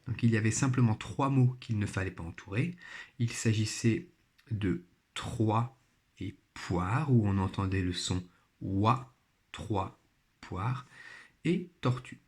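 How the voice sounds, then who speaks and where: A man's voice: on the low side, normal speed, a little mellow. A man teaching a primary phonics lesson, speaking patiently and spelling out each sound and syllable carefully. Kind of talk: recorded remote phonics lesson.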